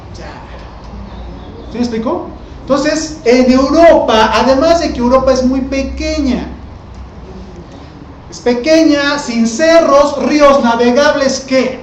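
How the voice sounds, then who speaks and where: Guy teaching class, slow and chatty, roomy dull recording. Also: very high voice, a little hiss or hum. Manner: colloquial, asks the class rhetorical questions. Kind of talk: classroom lecture.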